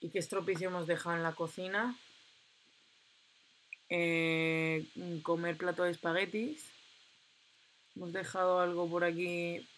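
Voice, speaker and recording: A young woman, chatting excitedly and reading game options aloud as she plays. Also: on the low side, a little slow, pauses often, a little hiss or hum. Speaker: gameplay commentator. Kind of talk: casual let's-play commentary.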